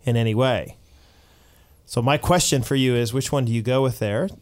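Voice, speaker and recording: A man's voice: medium pitch, brisk. A man who is a pastor, talking casually and with animation, often restarting his sentences. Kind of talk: casual chat.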